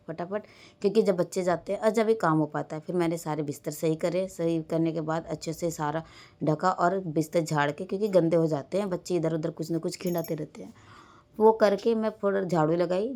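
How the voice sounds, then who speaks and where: A mother narrates her busy day in a loose, rambling voice-over for a home vlog, often slipping into her children's words. Her voice sits on the low side for a woman. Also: vocal fry, darkish tone. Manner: rambling everyday storytelling, quoting her children. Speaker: vlogger and mother.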